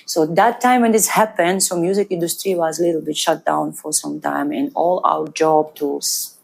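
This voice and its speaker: Ukrainian lady in a studio interview, deep fry-ish voice, chatty broken english. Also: normal speed. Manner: broken English, lively, animated storytelling. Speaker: guest musician and DJ. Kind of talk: casual interview.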